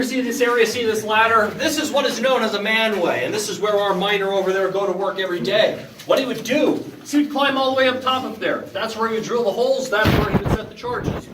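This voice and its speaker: Tour guide echoing in a mine tunnel. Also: male voice, high voice, far from the mic. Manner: explanatory, points things out as he goes. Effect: cave echo of an underground tunnel. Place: underground coal mine tunnel. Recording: echoey tunnel, voice off-mic, noisy.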